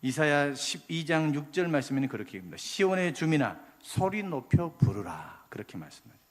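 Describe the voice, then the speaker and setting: Male pastor, church sermon, husky voice, long reverb of a sanctuary, impassioned delivery with sudden drops to soft. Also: fairly high pitch, big pitch swings, brisk. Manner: impassioned preaching, rising loud then dropping soft.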